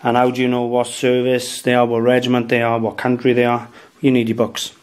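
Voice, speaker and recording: Speaking from the dining room of his home in Wales, a man in his thirties who deals antiques and runs a channel talks casually through his market purchases, dropping "um" and "guys" into his advice. He has a medium-pitched, darkish voice and a brisk, monotone delivery.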